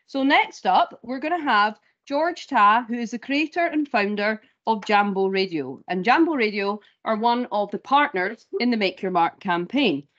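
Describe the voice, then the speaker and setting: A woman hosting a conference, briskly welcoming people back and introducing the next speaker. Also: on the high side, fairly bright tone. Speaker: conference host. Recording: dull lo-fi conference recording.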